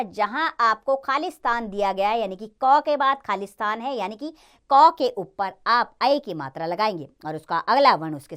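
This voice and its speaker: A woman teaching a children's lesson, speaking clearly and addressing the children directly. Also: mid-range voice, a bit bright.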